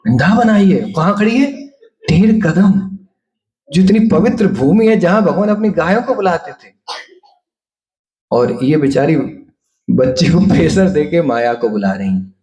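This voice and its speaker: A man giving a devotional talk, telling stories in an animated way and playfully acting out the people in them. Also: a little high, a little slow, pauses often. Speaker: preacher.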